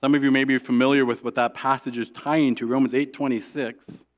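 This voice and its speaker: A male pastor with a medium-pitched, level voice preaches conversationally, often asking "right?" and restarting his sentences. He acts out quoted prayers in a soft, hushed voice, with halting restarts and repeated words.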